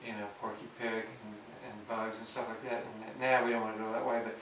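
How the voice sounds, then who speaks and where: A man's voice: lowish voice, flat delivery, brisk, fairly bright tone. A man casually chatting about his album, rambling with many fillers and restarts. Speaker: musician discussing his album. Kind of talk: casual chat. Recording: roomy, distant, with faint hiss.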